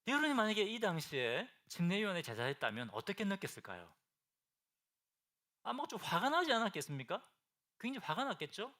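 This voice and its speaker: A high, bright-toned man preaches in a church with lively, rising and falling inflection. He keeps asking his congregation questions and swings between loud bursts and soft, hushed lines. The sound is of a pastor mid-sermon. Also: fairly quick. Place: church sanctuary.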